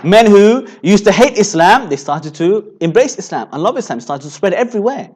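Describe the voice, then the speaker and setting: A man giving a religious lecture, building rhetorical points and filling pauses with "you know" as he repeats phrases. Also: high-pitched, animated, darkish tone. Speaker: Islamic preacher.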